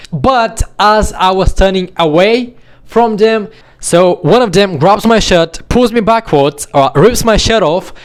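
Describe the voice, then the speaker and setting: Young man telling a story, slightly high voice. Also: clean tone. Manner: animated, acts out the scene with quoted voices. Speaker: vlogger. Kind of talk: casual storytelling to camera.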